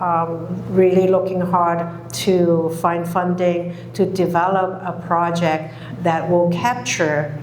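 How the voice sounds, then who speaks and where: A woman who grew up in Hong Kong, giving a public talk, speaking slowly with many pauses and fillers. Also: on the low side, a little mellow, slight background noise. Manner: slow, halting, many fillers. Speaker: guest speaker. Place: lecture hall. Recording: echoey hall recording.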